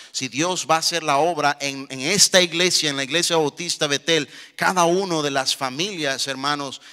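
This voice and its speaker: A man's voice: mid-range voice, sharp tone. A man preaching a sermon as pastor, with a fervent manner, repeatedly calling out to the congregation and asking them to agree. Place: church sanctuary. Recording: long church hall reverb.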